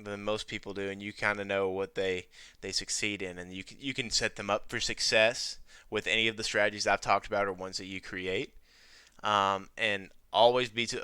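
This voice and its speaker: Over a screen demo, the presenter of an ESL-teaching tutorial talks casually and conversationally, with plenty of "you know"s. He has a fairly low, sharp, smooth voice, recorded without room sound.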